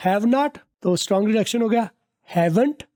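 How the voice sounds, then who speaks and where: High, slow-speaking male English teacher. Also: warm tone. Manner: slowly drawn-out example phrases, repeating them; asks learners to guess answers. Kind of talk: explaining English pronunciation in Hindi.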